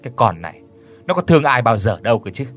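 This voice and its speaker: A man voicing an indignant village woman who curses in a sharp-tongued way. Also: mid-range voice, sing-song, quick pace, slightly rough, soft background music. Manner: indignant, cursing.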